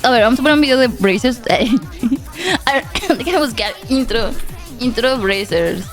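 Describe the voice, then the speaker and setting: A young woman giving casual gameplay commentary, laughing often, shouting at the game and reading pickup lines aloud. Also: on the high side, lively intonation, moderate pace, soft background music. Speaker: streamer.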